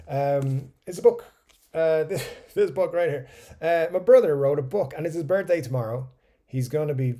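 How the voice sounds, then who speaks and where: This livestream host, an Irishman with a dark, mid-range voice, chats loosely and reads comments from viewers. Every so often he curses, and his sentences fade into mumbling.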